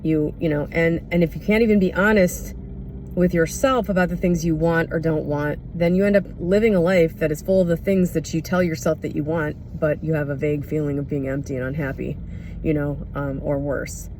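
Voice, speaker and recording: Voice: medium pitch, steady tone, a little fast, darkish tone. Candid, hesitant speaker over background noise. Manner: candid, hesitant, searching for words. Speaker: podcast or vlog host. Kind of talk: unscripted reflective monologue.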